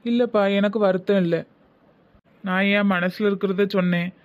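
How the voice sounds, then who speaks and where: A man with a Tirunelveli Tamil accent voicing a dutiful young son in a cartoon, replying quietly and obediently, with a tinny phone-like sound. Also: sits high, steady tone, normal speed, lightly acted. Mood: resigned. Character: dutiful young adult son, gently resigned.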